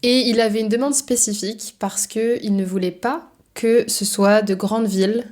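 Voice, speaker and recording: A woman's voice: on the high side, fairly even intonation, moderate pace. Chatty young French woman. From France (Brittany). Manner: chatty, gently enthusiastic, with fillers. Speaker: French teacher. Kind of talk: casual chat to camera.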